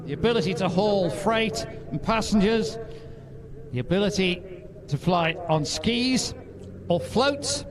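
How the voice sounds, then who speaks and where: High-pitched male airshow commentator. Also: expressive, a little slow, pauses often. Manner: informative, addresses the crowd, lightly wry asides. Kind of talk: live airshow commentary over public address. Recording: outdoor event with crowd and aircraft noise.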